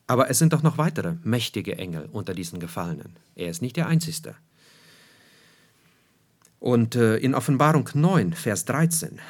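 A male preacher delivering a sermon in an emphatic way. He keeps returning to key phrases and puts rhetorical questions to his listeners. His pitch swings widely between high, forceful points and low, quiet drops. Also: husky.

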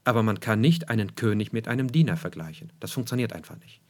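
Emphatic male preacher, lively pitch. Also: fast. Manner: emphatic, repeats key phrases for weight; rhetorical questions to the listeners. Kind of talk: sermon.

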